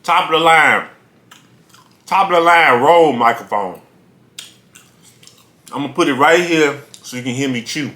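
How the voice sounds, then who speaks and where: A man hosting an eating show, chatting casually and telling animated stories while he chews his food. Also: on the high side, measured pace, pauses often. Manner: talks while chewing food; animated storytelling. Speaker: mukbang host. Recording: roomy echo.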